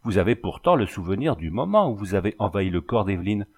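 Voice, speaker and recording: A man's voice: on the low side, big pitch swings, fast talker, darkish tone, slightly rough, exaggerated voice. A man voicing an anxious, bookish young husband in a storybook reading, pressing with urgent questions. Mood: agitated.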